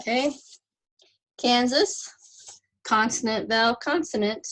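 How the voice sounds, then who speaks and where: A woman's voice: mid-range voice, slow, slight background noise, low-quality recording. A woman teaching an online ESL lesson, patiently sounding out words syllable by syllable and repeating them.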